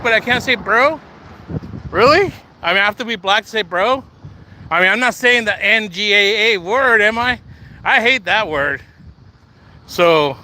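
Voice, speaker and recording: A man's voice: high-pitched, pushed and bright, poor audio. A man livestreaming as he walks along a city street, joking and swearing as he talks straight to his chat. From United States. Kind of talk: casual walk-and-talk livestream. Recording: street traffic noise. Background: traffic and street noise.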